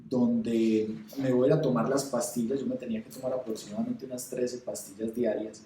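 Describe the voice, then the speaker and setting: A man tells his faith story in a halting, heartfelt way, often circling back over his words. His voice has a dark, mellow tone. He sits back from the microphone in an echoey room. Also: mid-range voice, flat delivery, far from the mic, slight background noise. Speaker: testimony speaker. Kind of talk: spoken personal testimony.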